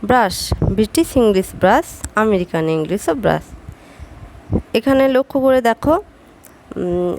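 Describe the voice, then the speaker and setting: A woman's voice: medium pitch, lively intonation, normal speed, pauses often, darkish tone, slight background noise, low-quality recording. A woman giving a spoken English lesson, patiently drilling word after word. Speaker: English teacher.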